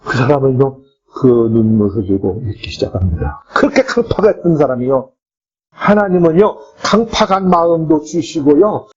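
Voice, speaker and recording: Male pastor preaching; animated, emphatic delivery with a mellow, slightly husky tone, dull lo-fi sound. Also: normal speed. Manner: emphatic, swinging between high exclamations and low asides. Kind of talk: sermon.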